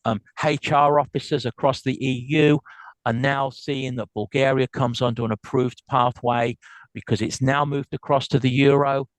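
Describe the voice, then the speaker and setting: Man, South African accent, guest business speaker, quick upbeat delivery, frequent restarts, middle pitch, dry close sound. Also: fairly even intonation, no room sound, rough recording. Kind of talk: business lecture and Q&A.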